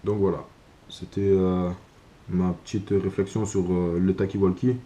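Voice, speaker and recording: A man giving an informal explainer vlog about gear, speaking in a halting, hesitant way. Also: sits low, little pitch movement, dark tone, muffled recording. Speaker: video creator presenting survival gear.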